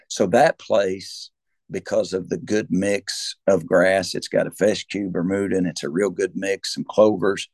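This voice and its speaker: A man's voice: low-pitched, steady tone, unhurried, darkish tone, dry recording. A man with a rural Southern US accent talking as a cattle rancher, explaining things conversationally in a folksy, rambling way with repeated words and restarts. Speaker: cattle rancher, interview guest.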